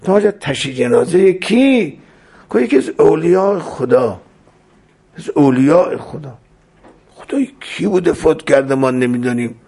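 A man's voice: fairly high pitch, expressive, gravelly, mellow, breathy edge. A male preacher telling a dramatic story in a sermon, quoting Arabic scripture.

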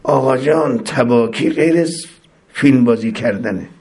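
A man preaching a sermon as a cleric, moving between loud emphatic rises and soft low passages and intoning Arabic prayers before explaining them. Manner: chants Arabic supplications then translates them.

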